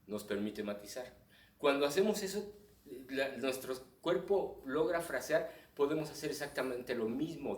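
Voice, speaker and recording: Mexican man talking in an echoey room. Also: medium pitch. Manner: explanatory, acts out audience thoughts in asides. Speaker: clown and author presenting his book. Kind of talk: live talk explaining clowning with demonstrations. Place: live event room with audience. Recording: echoey room, distant mic.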